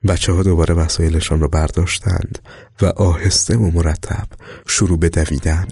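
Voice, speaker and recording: A man reading a story aloud in a measured, steady way as narrator. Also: low voice, creaky, slightly rough, no echo, clean studio sound. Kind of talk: scripted audiobook narration.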